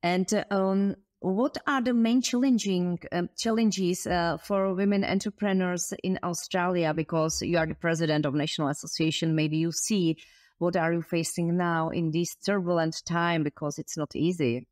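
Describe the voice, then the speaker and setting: A woman's voice: on the low side, steady tone, normal speed, darkish tone, dry recording, clean studio sound. A woman interviewing a guest, asking questions hesitantly with many fillers and some non-native phrasing.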